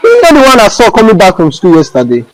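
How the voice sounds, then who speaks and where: Caring schoolmate, gentle and coaxing, lively pitch, film drama. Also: male voice, fast, a crowd in the background, poor audio. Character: caring young male schoolmate. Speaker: student.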